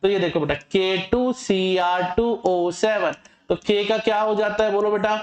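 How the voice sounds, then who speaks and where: A man teaching chemistry in a fairly high voice, firing questions at his students and answering them himself. He teases and scolds the class as he goes, and the sound carries the echo of a bare classroom. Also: unhurried, lo-fi sound. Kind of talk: lively classroom lecture.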